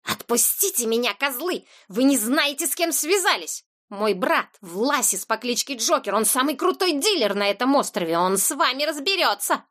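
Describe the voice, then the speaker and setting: A woman's voice: very high voice, moderate pace, hardly any pauses, fairly bright tone, pitched above the performer's own voice. A woman voicing a scared young boy thief in a thin, pitiful, pleading voice. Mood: angry hiss.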